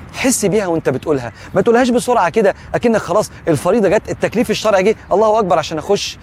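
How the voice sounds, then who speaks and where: A man's voice: fairly high pitch, darkish tone, a little hiss or hum. A man with an Egyptian accent giving a reflective religious talk, earnest and asking the listener questions directly. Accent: Egyptian Arabic. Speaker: Islamic preacher.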